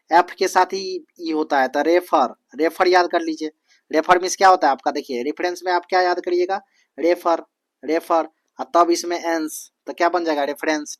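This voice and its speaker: A coaching teacher runs a spelling lesson. The teacher spells each word out letter by letter, repeats it over and over and keeps asking rhetorical questions. The voice sits at a middling pitch, recorded close and dry with no room sound. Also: steady tone, normal speed, no echo. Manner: repetitive, drilling tone. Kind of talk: spoken lecture on spelling.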